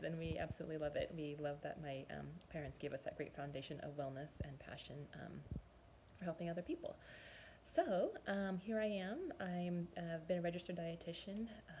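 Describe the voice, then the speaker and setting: A woman in her forties from Southern California, a nutrition and fitness coach giving a chatty, earnest personal testimonial and often pausing to recall details. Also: low voice, a little mellow, slight background noise. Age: 40s.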